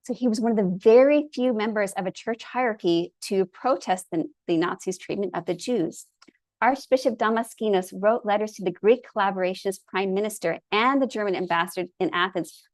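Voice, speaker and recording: Telling stories as a lecture presenter, this woman sounds earnest and openly enthusiastic about the people she describes. Her voice sits in the middle range, and there is no room sound at all.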